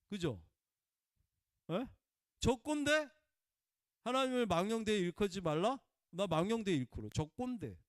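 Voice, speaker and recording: A man preaching a conversational sermon in a folksy way, prompting listeners with "eh?" and swinging between loud emphatic bursts and quiet murmurs. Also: high voice, no echo, clean studio sound. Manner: folksy, peppers talk with prompting "eh?" to the congregation.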